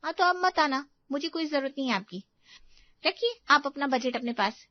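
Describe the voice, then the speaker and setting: A shrill, sulky young bride in a cartoon story, played by a woman, her high voice snapping into petulant complaints. The sound is dry and dull, like a lo-fi studio take. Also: lively intonation, normal speed, no echo. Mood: sulky, angry. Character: sulky young bride, quick-tempered and tearful.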